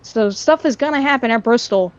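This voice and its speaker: Woman race caller for an online sim league, somewhat high voice, casual and excitable, dull lo-fi stream audio. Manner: casual, repeats herself, quick to get excited over close racing. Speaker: race commentator. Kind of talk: live sim racing commentary.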